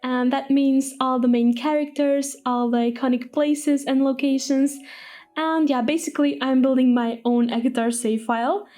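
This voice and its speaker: Young woman, high-pitched and upbeat, hosting a casual game walkthrough. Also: steady tone, moderate pace, dark tone. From Croatia. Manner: chatty and upbeat, with frequent small laughs. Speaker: Sims builder and channel host. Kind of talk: casual gameplay voice-over.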